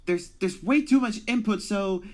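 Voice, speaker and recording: A woman's voice: mid-range voice, a little slow, darkish tone, close to an everyday voice. A woman voicing a nervous, earnest teenage boy superhero in an amateur film dub, hesitant and stammering. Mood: defensive.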